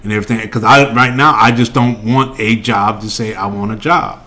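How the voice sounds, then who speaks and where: A man's voice: fairly low pitch, steady tone, a little fast, sharp tone. An older man co-hosting a casual chat with his wife, rambling and restarting often. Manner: rambling, with frequent restarts and laughs. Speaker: podcast co-host. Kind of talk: casual chat between spouses.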